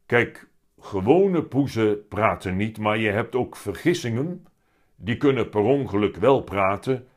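A man reading a children's story aloud and voicing a big, calm, stubborn talking tomcat with a heavy, deep voice, loud and deliberate. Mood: solemn.

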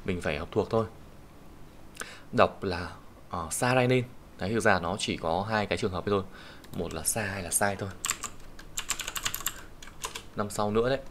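A man with a low voice and a Vietnamese accent gives an online kanji lesson. He patiently walks through each reading and slows right down to read the Japanese example sentences. A faint hiss and some keyboard typing sit behind him. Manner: patient, explanatory, reads Japanese sentences slowly.

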